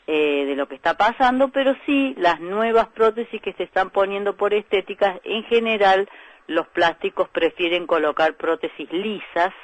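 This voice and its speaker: A woman doctor with an Argentine accent, calmly explaining medical points as a guest in a radio interview, with frequent hesitation fillers. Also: mid-range voice, normal speed, no echo, low-quality recording. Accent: Argentine Spanish. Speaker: breast specialist doctor, guest.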